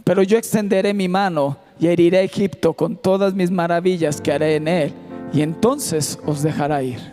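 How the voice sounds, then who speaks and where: A man's voice: high voice, fairly even intonation, normal speed, mellow, soft background music. A man preaching a sermon in a church auditorium with a Mexican Spanish accent, sometimes half-singing his lines. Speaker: pastor.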